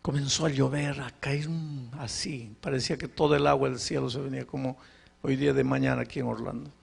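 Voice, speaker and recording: A pastor preaching to a live congregation, telling a story with dramatic pauses and anguished questions. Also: male voice, mid-range voice, steady tone, creaky, slightly rough. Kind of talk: narrative sermon storytelling. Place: live sermon before a congregation.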